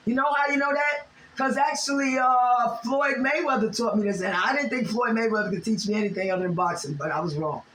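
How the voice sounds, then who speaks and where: A woman's voice: a little high, a little fast, fairly bright tone, slight background noise. An American woman venting in a ranting vlog monologue, heated and profane, with many fillers. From United States. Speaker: vlogger.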